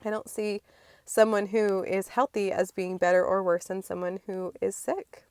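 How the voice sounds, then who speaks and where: A woman's voice: mid-range voice, flat delivery, moderate pace, darkish tone, clear, resonant tone, dry recording. A woman sick with a cold, her voice nasal, pinched and slightly weak, talking earnestly and reflectively in a casual vlog monologue. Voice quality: nasal, congested, pinched-nose sound. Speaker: vlogger.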